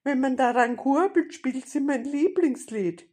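A woman voicing an indignant, easily frightened old grandmother in a storybook reading, shrill and protesting. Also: animated, measured pace, darkish tone. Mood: pleading. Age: older. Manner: shrill and indignant, then timid.

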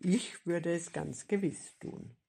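A woman voicing a cheeky, excitable male puppet jester in a storybook reading, eager and boastful. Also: fairly low pitch, takes it slowly, creaky, breathy edge, heavily acted.

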